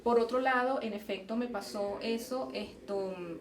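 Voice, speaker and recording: A Venezuelan geological engineer answers interview questions thoughtfully, often restarting and repeating words in Venezuelan Spanish. Her fairly high voice moves at normal speed over crowd noise, picked up by a distant mic in a roomy indoor event venue with faint noise.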